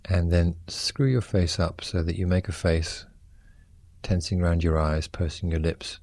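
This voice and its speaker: Deep, mellow man guiding relaxation. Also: steady tone, creaky. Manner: soothing, gently instructing with short unhurried phrases. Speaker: relaxation guide. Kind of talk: guided progressive muscle relaxation.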